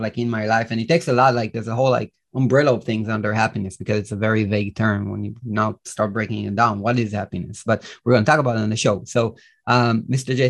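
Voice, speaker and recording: Gravelly-voiced man, rambling chat. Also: mid-range voice. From Israel. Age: 30s. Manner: rambling, many fillers like "like" and "um". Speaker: podcast co-host. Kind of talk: casual chat.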